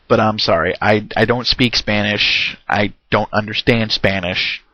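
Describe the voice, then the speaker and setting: Male home game reviewer, casual and rambling, throat-clearing, lo-fi dry recording. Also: fairly low pitch, slow, pushed and bright, no echo. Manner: rambling, with many fillers and restarts.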